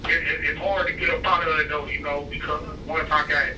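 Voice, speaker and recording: A man's voice: on the high side, flat delivery, a little fast. A man from Ohio, calling in from prison on a phone line, talking in a slangy, laid-back way with lots of fillers. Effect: heard over a prison phone line. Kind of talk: casual interview. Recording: distant echoey phone call with clear noise.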